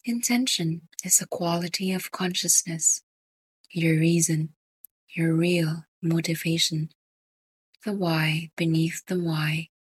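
A woman guiding a sleep meditation in a soft, breathy whisper. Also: deep voice, steady tone, no echo. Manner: slow, soft whispered delivery. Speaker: meditation guide.

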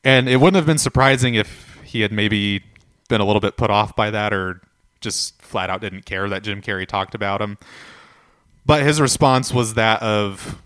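A man co-hosting a music podcast, telling stories in a relaxed, chatty way with frequent fillers. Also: lowish voice, smooth, no room sound, studio quality. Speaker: podcast co-host. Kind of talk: casual chat.

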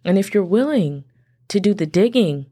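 A woman's voice: medium pitch, normal speed. A woman, hosting a casual solo podcast and talking chattily and animatedly to her listeners. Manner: chatty, animated, addresses listeners as y'all and sis. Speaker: podcast host.

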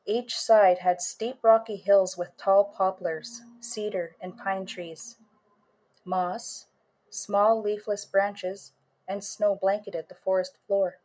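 A woman author and storyteller reading a first-person story in a measured way, lingering on images. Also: medium pitch, flat delivery, darkish tone, breathy edge.

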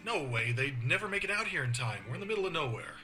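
A man's voice: medium pitch, sing-song, fast, sharp tone. Young male lead, played by a man, retro radio drama: earnest, protective, romantic, wide swooping delivery over prominent music. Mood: alert, curious.

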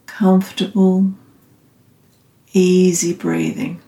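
Slow, calm meditative woman's voice, mellow. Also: on the low side. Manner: calm meditative tone, soothing, unhurried with long pauses. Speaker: meditation guide. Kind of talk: guided loving-kindness meditation. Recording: roomy, slightly echoing sound.

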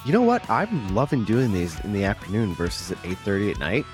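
A man's voice: lowish voice, sing-song, brisk, music in the background. A man co-hosting a casual podcast, joking around in playful banter. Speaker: podcast co-host.

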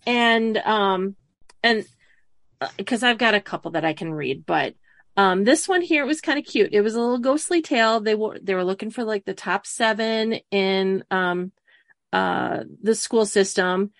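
A woman's voice: medium pitch, unhurried, no echo. Dry-sounding woman telling spooky tales. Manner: reads a child's story aloud, many ums. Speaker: podcast co-host. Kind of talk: casual storytelling chat.

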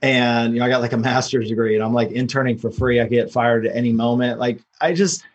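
A man's voice: medium pitch, steady tone, quick pace, breathy edge, dull audio. A man speaking as an interview guest, telling his own story in a casual, unpolished, loosely rambling way. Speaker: podcast guest, real estate investor.

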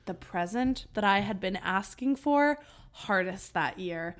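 A woman's voice: medium pitch, animated, unhurried, a bit bright, slight background noise. A woman in her twenties from New York, co-hosting a podcast and telling a funny story with lots of laughter and casual swearing. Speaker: podcast co-host.

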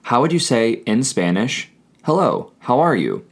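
A man hosting a scripted language lesson, switching between English and Spanish in a measured way, with prompts and repeated phrases. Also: medium pitch, sing-song, creaky.

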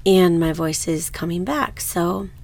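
A woman's voice: lowish voice, a little slow, gravelly, darkish tone. A woman hosting a podcast as a grief coach, talking casually while still getting over a cold, her voice a bit off, reflective with fillers and small laughs. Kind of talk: casual solo podcast talk.

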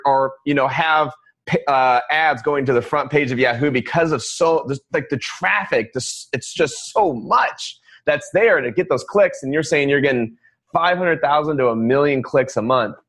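A man hosting a podcast, telling stories animatedly and acting out quotes with loud whoops. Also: fairly high pitch. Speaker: podcast host. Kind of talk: casual conversational interview.

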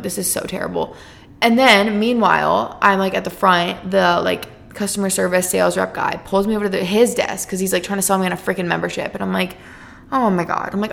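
A woman in her twenties, a podcast host casually telling a story in a chatty, animated way. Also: lowish voice, gravelly. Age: 20s. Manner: chatty, animated, heavy use of "like" and "freaking".

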